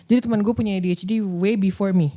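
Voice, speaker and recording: A woman's voice: medium pitch, fairly even intonation, fast, warm tone. A woman co-hosting a casual podcast. She tells personal stories in easy slang and drops in English words along the way. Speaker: podcast co-host. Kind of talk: casual chat.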